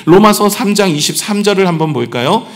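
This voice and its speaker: A man's voice: high-pitched, animated, a little fast. A middle-aged man, the senior pastor, preaching a sermon in a conversational way, asking the congregation questions and joking about himself. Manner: conversational preaching, asks the congregation questions, self-deprecating humor. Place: church sanctuary. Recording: long church hall reverb.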